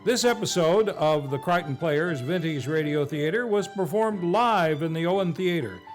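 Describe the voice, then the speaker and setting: Reading from a script, a man announces the closing credits of a live radio theater show while faint music plays underneath. His voice is high for a man, expressive, and delivered at a moderate pace.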